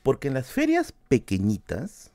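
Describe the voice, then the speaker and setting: Male channel host, Peruvian accent, chatty storyteller, very lively pitch, dry sound. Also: moderate pace, dry recording. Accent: Peruvian Spanish. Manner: animated, swings from loud to hushed asides, swears casually. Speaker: book-collecting channel host. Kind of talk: casual storytelling to camera.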